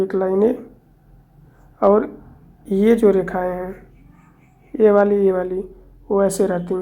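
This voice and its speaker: A woman's voice: medium pitch, dark tone. A woman teaching a math lesson, explaining step by step and counting aloud with frequent checks. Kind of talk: explaining on a board.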